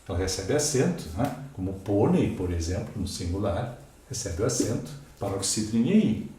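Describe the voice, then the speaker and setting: Standing at a board, a Brazilian Portuguese teacher explains grammar step by step in a Brazilian Portuguese accent, spelling out letters and asking "né?" and "ok?" to check in. His lowish, dark voice is fairly quick with big pitch swings, heard through heavy reverb and a little hiss or hum.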